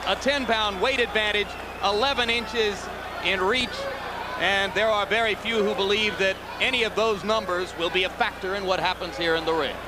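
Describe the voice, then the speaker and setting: A man giving ringside boxing commentary in measured, literate, polished phrases. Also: sits high. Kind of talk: play-by-play sports broadcast commentary. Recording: noisy broadcast over loud arena crowd.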